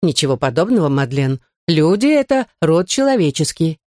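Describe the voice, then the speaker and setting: A woman voicing a stern, irritable female kindergarten teacher who scolds sharply and turns shrill. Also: sing-song, a little fast, mellow, dry recording, clean studio sound. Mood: scolding.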